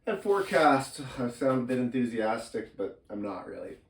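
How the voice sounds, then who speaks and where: A man with a cold giving a relaxed, rambling local weather recap and forecast, a little drowsy. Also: mid-range voice, a little fast, creaky. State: stuffed up with a cold. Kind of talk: casual weather recap vlog. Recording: roomy echo, distant from the mic, faint noise.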